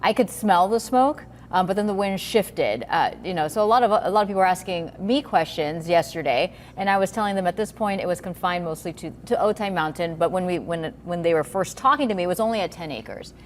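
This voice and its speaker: A woman's voice: on the low side, lively intonation, fairly quick, few pauses, slight background noise. A female news anchor in a studio, chatting conversationally and personally during live breaking coverage.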